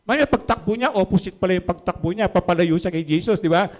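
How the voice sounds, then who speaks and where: Pastor with a high voice, preaching. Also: male voice, quick pace. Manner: swings between hushed storytelling and loud, high preaching. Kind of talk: sermon.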